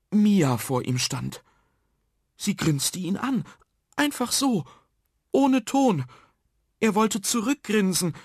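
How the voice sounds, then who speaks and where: A man reading a bedtime story for children aloud in a lively, expressive way. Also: a little high, creaky, slightly rough, no room sound, studio quality. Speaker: narrator. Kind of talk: scripted bedtime story narration.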